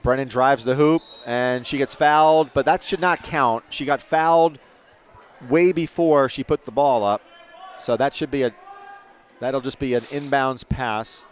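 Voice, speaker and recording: A man's voice: mid-range voice, unhurried. Chatty man calling a school basketball game. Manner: chatty, rambling asides, self-corrections. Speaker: play-by-play commentator. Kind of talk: local sports commentary. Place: press box at a school gym.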